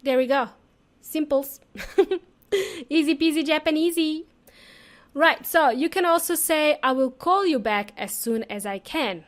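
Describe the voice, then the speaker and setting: A woman's high-pitched voice moves a little slowly through a laid-back English lesson. As a podcast host and teacher, she explains plainly, repeats key points and speaks informally straight to the learners listening.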